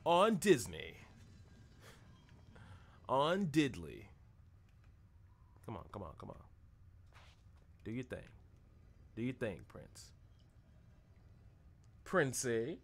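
A man's voice: medium pitch, sing-song, drawn-out words, creaky, pauses often, breathy edge. A young man streaming a video game, chatting casually in a rambling, jokey way. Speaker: gaming streamer. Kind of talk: casual gameplay commentary.

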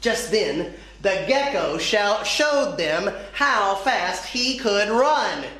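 Slow-reading woman teacher. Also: medium pitch, animated, a bit bright. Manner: slow, clear storytelling. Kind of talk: children's story reading. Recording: echoey room.

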